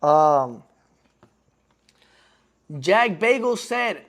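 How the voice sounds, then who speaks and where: This twenty-something streamer, reacting to a podcast clip, speaks in a high-pitched, fairly bright voice, very animated and drawing out his words. His commentary is slangy, casual, and rambling, and he keeps checking with chat, "you feel me."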